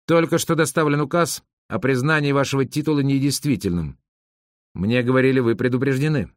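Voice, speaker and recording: Here a male narrator plays a courteous young army officer with formal, correct speech in an audiobook. The pitch is medium but lifted above his own voice while remaining near an everyday register. The pace is fairly quick, and the recording is clean and studio-dry with no room sound.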